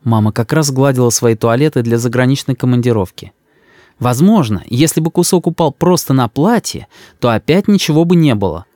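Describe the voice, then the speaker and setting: A man reading a story aloud in an expressive storytelling manner. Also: mid-range voice, fairly quick, no room sound, studio quality. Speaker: audiobook reader. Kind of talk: scripted narration.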